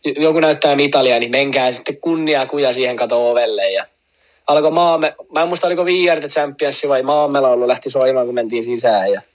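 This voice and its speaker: Through dull audio comes a mid-range male voice belonging to a guest spinning a rambling yarn. His telling is loose and full of fillers and asides, and he keeps laughing at what he's saying.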